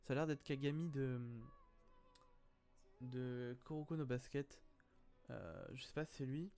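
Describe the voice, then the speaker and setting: A man's voice: medium pitch, steady tone, measured pace, gravelly, darkish tone, soft background music. A young man casually commenting on viewers' photos as a YouTuber, hesitant and thinking aloud with many fillers.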